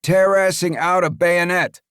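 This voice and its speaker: A man's voice: high-pitched, flat delivery, unhurried, a bit bright, smooth, no room sound, clean studio sound, pitched above the performer's own voice. A man reading the audiobook voices a crude, swaggering mob henchman on a phone call. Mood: cocky. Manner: brash, swaggering.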